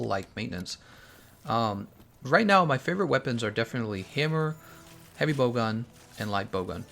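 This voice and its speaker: A man's voice: mid-range voice, gravelly, a bit bright. A man giving casual, slangy, exclamatory livestream commentary on a game while chatting with his viewers. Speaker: game streamer.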